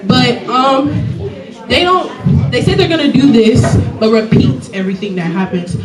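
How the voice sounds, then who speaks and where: A young woman contestant answering questions on stage in an earnest, hesitant way, with Yoruba family roots. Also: fairly high pitch. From Nigerian family, Yoruba. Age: young adult. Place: large hall. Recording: roomy hall from far off with crowd.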